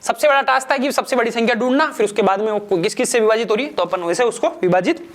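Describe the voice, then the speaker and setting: A man's voice: very high voice, fast. A man coaching exam candidates, walking through math questions step by step, asking and answering his own questions in a casual, repetitive classroom manner. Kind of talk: step-by-step math problem walkthrough.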